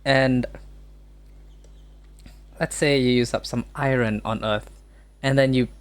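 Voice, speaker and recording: A man streaming casually, arguing playful debate prompts with joking disbelief and quick exclamations. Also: mid-range voice, steady tone. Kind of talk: casual solo stream chat.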